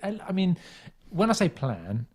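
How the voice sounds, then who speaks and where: A man's voice: sits high, sing-song, a little slow, a little mellow, husky. An English man co-hosting a podcast, telling stories in a rambling casual chat and often correcting himself mid-sentence. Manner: rambling, self-correcting storyteller. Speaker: podcast co-host.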